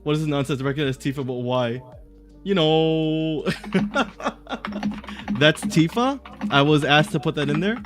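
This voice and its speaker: A man's voice: a little high, slow, pauses often, soft background music. A man hosting a livestream, chatting casually and rambling as he reads chat aloud. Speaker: livestream host.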